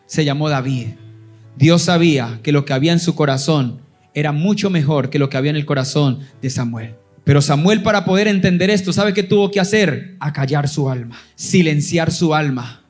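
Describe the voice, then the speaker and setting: A man, a pastor preaching a sermon with emphatic rises and stretched phrases, settling into a softer storytelling voice. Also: on the high side.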